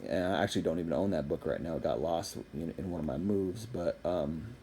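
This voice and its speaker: A man's voice: low voice, a little fast, warm tone, slight background noise. A man giving a casual, rambling opinion monologue as a fitness commentator, repeating phrases for emphasis.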